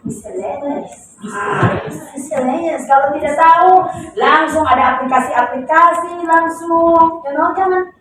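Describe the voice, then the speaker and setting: A woman teaching English to a class, lively, stretching and repeating words to show stress. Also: high-pitched, unhurried, hardly any pauses, very noisy. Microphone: distant room recording. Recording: echoey classroom recorded from far off.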